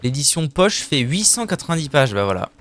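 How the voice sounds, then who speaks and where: A man's voice: a little high, sing-song, a little fast, a bit bright, a little hiss or hum. A young man chatting casually as he streams a video game, joking about himself and slipping into silly voices now and then. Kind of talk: casual live-stream commentary.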